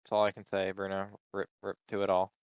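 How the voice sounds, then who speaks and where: A man with a low, smooth, resonant voice rambles through a story in casual podcast chat. He acts out other people's lines and swears freely. The sound is close and dry, with no room around it. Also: monotone, fast, no echo, lo-fi sound. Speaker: podcast co-host.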